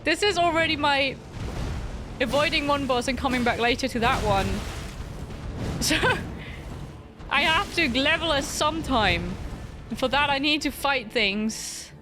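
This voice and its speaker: A woman's voice: high-pitched, animated, measured pace, music in the background. A young woman streaming a video game, chatting casually with her viewers and joking about her own failures. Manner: chatty, talks to chat and replies to their messages; frustrated, self-mocking banter. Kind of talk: casual live-stream chat while gaming.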